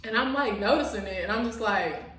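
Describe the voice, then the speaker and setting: A young woman vlogger telling a story to camera in a casual, animated, sassy way. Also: fairly high pitch, a little fast, recorded from a distance, slight background noise. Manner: animated, expressive, sassy asides. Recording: echoey room, voice away from mic.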